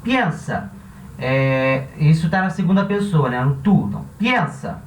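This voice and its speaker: A man with a Brazilian Portuguese accent teaching a language lesson, slowly spelling out syllables and repeating each example. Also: fairly high pitch, expressive. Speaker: Spanish teacher. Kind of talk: classroom lesson at a board. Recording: roomy echo from a distant mic, faint background hum.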